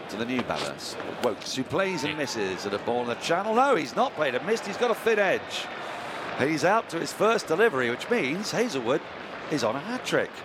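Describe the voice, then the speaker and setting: A man giving live cricket commentary as a commentator, describing each ball and building to excited exclamations. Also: medium pitch. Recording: outdoor ground with loud crowd noise. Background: loud cricket crowd.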